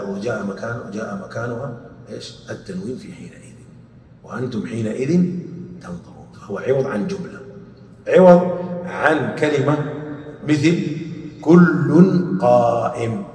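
Male grammar teacher in a classroom lecture. Mid-pitched, answers his own questions, recorded distant in an echoey room with faint rumble. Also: darkish tone. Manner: asks questions and answers them himself; repeats quoted verses and key phrases slowly.

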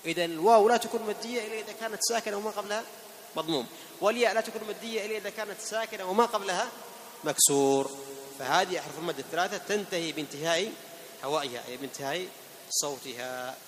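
High-voiced man teaching Quran recitation. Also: long reverb tail, slight background noise. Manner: patient, questioning students, demonstrating words slowly. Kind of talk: tajweed lesson to a class.

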